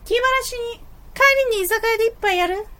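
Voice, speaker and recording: A woman's voice: very high voice, fairly quick, a bit bright. A woman playing a cheeky, scheming office lady in a comic stage play, blunt, teasing and theatrical.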